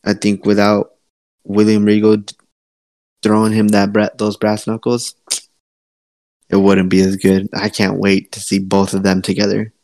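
Gravelly, low-voiced podcast co-host. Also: male voice, unhurried, pauses often, no echo. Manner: excited, swearing, rambling with restarts. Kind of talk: casual wrestling podcast chat.

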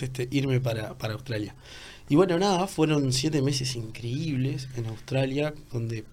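A man in his thirties with a Uruguayan Spanish accent, a podcast guest telling travel stories in a relaxed way, with many fillers and restarts. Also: medium pitch. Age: 30s. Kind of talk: casual podcast chat.

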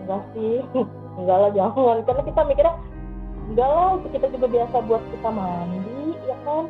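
A woman's voice: a little high, fairly quick. A woman, animatedly telling a ghost story in a casual chat. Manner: animated, acts out voices in her story. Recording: tinny phone-like sound with faint music.

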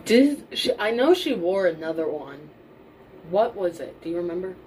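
A woman's voice: lowish voice, normal speed. A young woman co-hosting a podcast in casual chat, talking informally and emphatically, often repeating herself for stress. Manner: informal, emphatic repetition, mild swearing. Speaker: podcast co-host. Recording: steady background noise and room ambience.

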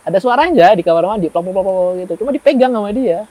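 A man's voice: sits high, quick pace, rough recording. A young man telling a horror story in casual conversation, acting out the dialogue as he goes. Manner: animated, acts out quoted dialogue. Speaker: guest storyteller.

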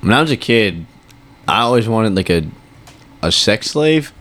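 A man's voice: fairly low pitch, expressive, normal speed, a bit bright. A man in casual chat, joking bluntly and crudely. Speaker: podcast co-host.

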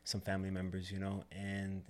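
A man from the Dominican Republic, a barber and shop owner, talks through his story in a casual interview. His voice is low, and his delivery is easygoing and unhurried, with plenty of you knows and uhs. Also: monotone, darkish tone, slight background noise. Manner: easygoing, loose with fillers like you know and uh.

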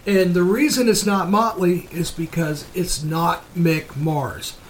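A man's voice: high voice, steady tone, takes it slowly, slight background noise. A man hosting a casual talk show, giving opinionated commentary in a blunt, sweary, emphatic manner. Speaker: show host.

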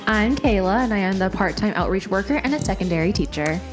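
A woman's voice: medium pitch, animated, fast talker, loud music behind the voice. A woman chatting casually and informally as a podcast co-host, with an upbeat manner. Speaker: podcast co-host, outreach worker and teacher. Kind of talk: casual chat.

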